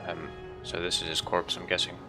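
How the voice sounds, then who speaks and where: Deep gravelly man casually narrating gameplay. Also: completely flat delivery, brisk. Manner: dry, wry remarks while playing. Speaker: let's play gamer. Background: game music.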